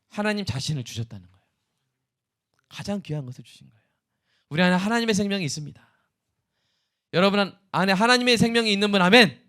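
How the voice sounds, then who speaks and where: A middle-aged male pastor preaching a sermon, asking the congregation questions and answering them, dropping from loud exclamations to hushed whispers. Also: fairly high pitch.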